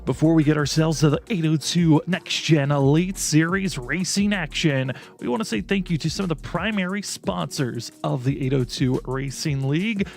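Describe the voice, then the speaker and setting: A man's voice: on the high side, normal speed, gravelly, few pauses, faint music behind. A man hosting a race broadcast, reading out sponsor thanks as an introduction.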